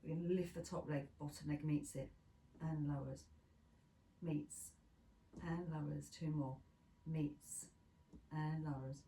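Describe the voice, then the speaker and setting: A woman instructor leading a pilates class, counting down reps and giving steady step-by-step cues. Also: low voice, slow pace, a little hiss or hum. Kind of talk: guided exercise class cueing. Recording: echoey room from a distance.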